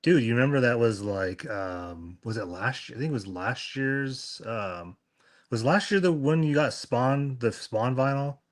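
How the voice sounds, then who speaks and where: A man co-hosting a live podcast about collectibles in a laid-back way. He speaks at a middle pitch and mostly keeps his replies short and easygoing. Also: measured pace. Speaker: podcast co-host. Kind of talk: casual live-stream chat.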